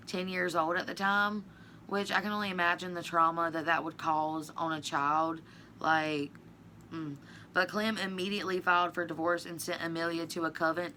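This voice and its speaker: Slow, bright-voiced woman telling a story. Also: lowish voice, slight background noise. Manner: chatty, filler-heavy, blunt with casual swearing. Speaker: video creator. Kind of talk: casual true-crime storytelling.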